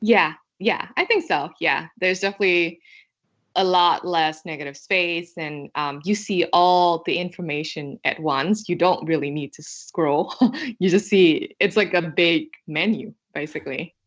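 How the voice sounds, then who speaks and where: A woman's voice: on the low side, measured pace, a bit bright. A young woman from Vietnam, a podcast guest, speaking in a hesitant way with many filler words and restarts. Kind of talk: casual interview chat. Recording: dull lo-fi sound.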